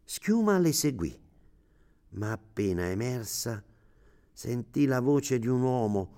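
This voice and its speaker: A man narrating a fairy tale in a slow, deliberate storytelling manner. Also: medium pitch, lively intonation, warm tone.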